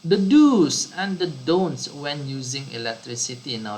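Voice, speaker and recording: A man's voice: mid-range voice, a little hiss or hum, rough recording. A man teaching a science lesson to children, often repeating and rephrasing his words. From Brunei. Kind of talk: slow online science lesson.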